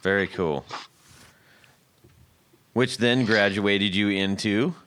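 A man's voice: on the low side, fairly bright tone, slight background noise. A man from California, hosting a podcast in a chatty, encouraging way. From California, USA. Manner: chatty, encouraging, quick to chime in. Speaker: podcast host. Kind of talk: casual interview chat.

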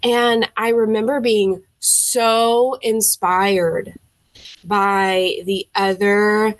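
Speaking extremely slowly at medium pitch, with no echo, the young Tennessee music teacher with a Southern accent recounts her story in a casual podcast interview. She stays animated, voicing her own quoted reactions, thinking aloud and filling in with frequent fillers.

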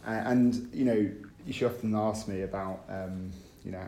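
A man answering interview questions, hesitant and quick to laugh. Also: lowish voice, steady tone, warm tone. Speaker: interview guest, business owner. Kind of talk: casual interview. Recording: roomy with faint background noise.

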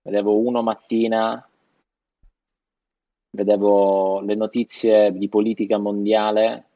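A man's voice: lowish voice, little pitch movement, a little slow, dry recording, muffled recording. A man with a Sicilian accent, co-hosting a podcast in slangy, profane, joking casual chat. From Sicily, Italy. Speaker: podcast co-host.

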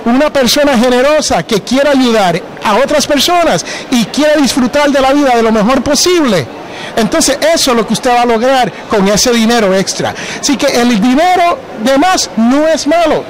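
A man's voice: very high-pitched, lively intonation, normal speed, a little hiss or hum, rough recording. A man hosting a podcast interview, chatting casually and slipping English words into his talk. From New Jersey. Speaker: podcast host.

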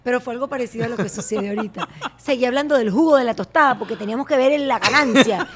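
A woman hosting a casual chat, animated and laughing often, slipping into English now and then. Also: a little high, very fast. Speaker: host.

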